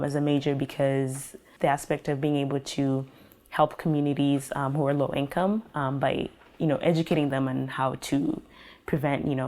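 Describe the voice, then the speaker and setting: A woman's voice: a bass voice, vocal fry, a little mellow. A young woman from Kenya, telling her story in a documentary interview, reflective and full of fillers. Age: young adult.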